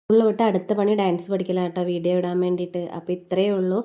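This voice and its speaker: A woman in her thirties with a Malayali accent, chatting homely and warmly about her family's school-day morning as a vlog voice-over. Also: on the low side, little pitch movement, very fast. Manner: chatty, homely, often ending lines with a tag. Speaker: family vlogger, mother. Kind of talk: casual voice-over narration.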